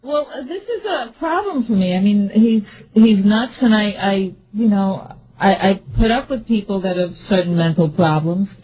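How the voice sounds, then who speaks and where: A woman talk show guest speaks haltingly, restarting her thoughts. Her voice is husky and slightly breathy. The recording is muffled like an old radio broadcast. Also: medium pitch, lively intonation, a little mellow. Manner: hesitant, halting speech. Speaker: studio guest.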